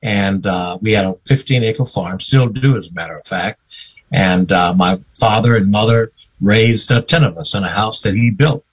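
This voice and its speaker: An older man, a guest on a radio interview, telling his life story slowly and reflectively. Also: lowish voice, breathy edge, low-quality recording. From North Carolina, US. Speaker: guest, veteran newsman.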